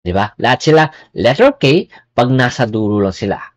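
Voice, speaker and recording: Man, language teacher, casual explanatory lesson, animated intonation, dry close sound. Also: medium pitch, a little fast, no room sound. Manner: explanatory, repeats okay after points.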